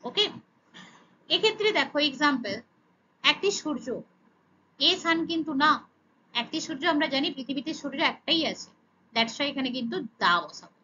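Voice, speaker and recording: A woman with a high, bright voice and a Bengali accent teaches children grammar. She poses questions and answers them herself, with frequent "okay"s. The recording sounds dull and lo-fi. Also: lively intonation, a little fast, pauses often, slight background noise. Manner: asks and answers her own questions, says "okay" often. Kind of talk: explaining grammar lesson.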